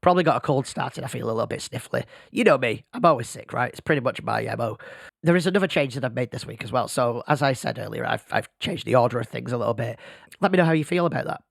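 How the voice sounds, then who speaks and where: On his casual solo podcast, a man whose voice is going talks quickly and expressively, rambling and mocking himself. His medium pitch carries vocal fry, and the podcast microphone yields a dry, studio-quality recording.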